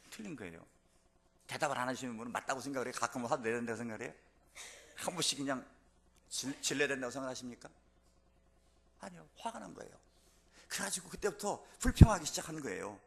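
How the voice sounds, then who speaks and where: A male pastor delivers a sermon in a church at a quick clip. His voice sits at a middle pitch but swings widely, and he keeps tossing rhetorical questions at the congregation before climbing to loud, emphatic exclamations. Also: vocal fry. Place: church sanctuary.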